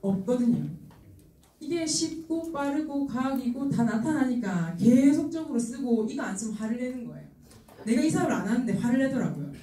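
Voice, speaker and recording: A middle-aged woman giving a lively sales talk to an audience, acting out the people she quotes and laughing often. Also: high-pitched, moderate pace, distant mic. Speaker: skincare sales speaker. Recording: roomy hall, voice from afar, faint ambience.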